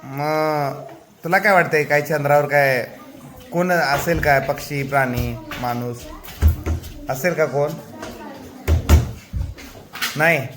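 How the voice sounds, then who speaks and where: Gently teasing man interviewing a child. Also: fairly high pitch, steady tone, slow, long pauses, music in the background. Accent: Marathi. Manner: gently teasing, coaxing questions. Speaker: teacher interviewing a pupil.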